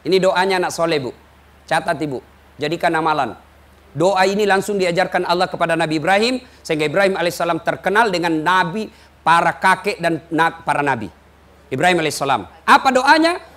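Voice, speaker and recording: A man from Sulawesi with a Makassar Indonesian accent, preaching an animated, joking sermon and acting out little dialogues. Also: on the high side, brisk. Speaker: Islamic preacher. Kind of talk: humorous sermon.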